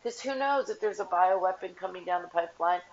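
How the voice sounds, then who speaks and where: A woman's voice: fairly low pitch, brisk, slight background noise. A woman and mother ranting casually to camera, blunt and profane, rambling with lots of "like". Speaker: vlogger, mother. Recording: dull lo-fi audio.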